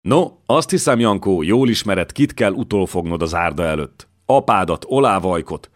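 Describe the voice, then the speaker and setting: A man's voice: low-pitched, animated. A male narrator voicing an old king who is anxious and bitter, raising his voice sharply in his orders. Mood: commanding. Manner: raises his voice sharply in his outbursts.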